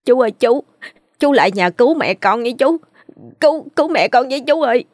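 A woman's voice: mid-range voice, moderate pace, darkish tone, no echo, studio quality, close to an everyday voice. A woman voicing a poor, frightened young boy who pleads through tears. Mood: pleading sobbing. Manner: crying, pleading.

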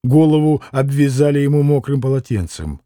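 A man narrating a classic novel aloud in an expressive, dramatic reading. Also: medium pitch, moderate pace, no room sound, studio quality. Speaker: audiobook narrator. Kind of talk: scripted literary narration.

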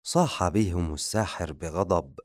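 Deep-voiced male audiobook narrator. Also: normal speed, dry recording, studio quality. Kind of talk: scripted narration.

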